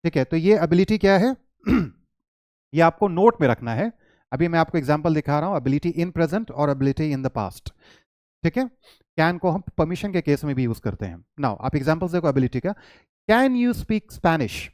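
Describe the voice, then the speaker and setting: Male English teacher, explaining in Hindi, slightly high voice, dry close recording, slow stressed examples. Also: lively intonation, darkish tone, dry recording. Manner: stretches English example sentences very slowly and stressed.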